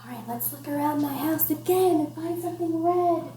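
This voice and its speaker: A woman teacher reads a picture book aloud to children at home, drawing them in with questions and instructions. Her voice is high-pitched and dark in tone, at a normal speed. The indoor room sounds echoey, with faint background noise.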